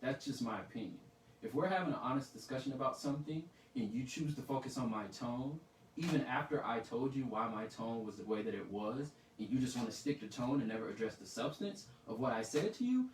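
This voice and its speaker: A man making his case with insistent emphasis, breaking into quick voiced impressions of other people. He sounds set back from the microphone in a room with a lot of echo. A faint hiss runs underneath. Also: mid-range voice. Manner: emphatic, argumentative, animated quoting of others. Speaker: podcast co-host. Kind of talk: heated casual discussion. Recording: echoey room, far from mic, faint noise.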